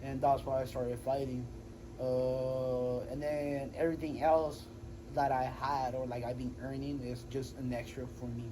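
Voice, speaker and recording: A man in his twenties from Honduras, chatting casually as an interview guest, relaxed and slangy with many fillers and restarts. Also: medium pitch, unhurried, background noise. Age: 20s. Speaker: MMA fighter, guest.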